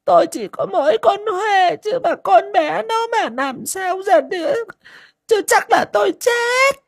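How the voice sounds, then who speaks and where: A man's voice: extremely high pitch, lively intonation, racing, creaky, darkish tone, voice pushed up, exaggerated voice. A man voicing a frightened older village woman who stammers and chokes up with tears. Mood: tearful.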